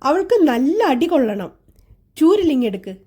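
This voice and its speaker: A woman voicing a stern, quick-tempered headmistress in an audiobook story, raising her pitch. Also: animated, dark tone. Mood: angry.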